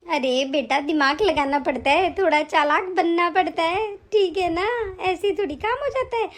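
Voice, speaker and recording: Woman voicing a domineering cartoon aunt, lowered voice, curt, commanding, scolding. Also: moderate pace. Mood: scheming. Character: scheming wealthy middle-aged aunt, bossy mother-in-law. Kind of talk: cartoon voice acting.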